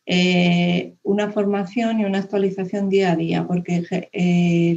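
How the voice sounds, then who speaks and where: Middle-aged woman, lowish mellow voice, hesitant presenter, muffled video call audio. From Spain. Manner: hesitant, many fillers and restarts. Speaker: conference speaker. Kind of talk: online presentation talk. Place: room indoors, video call.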